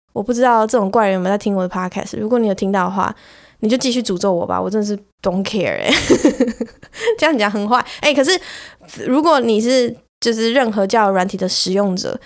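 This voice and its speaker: Chatty young Taiwanese woman podcaster. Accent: Taiwanese Mandarin. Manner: frank, chatty, breaks into laughter and excited high bursts. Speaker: podcast host. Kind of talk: casual storytelling podcast.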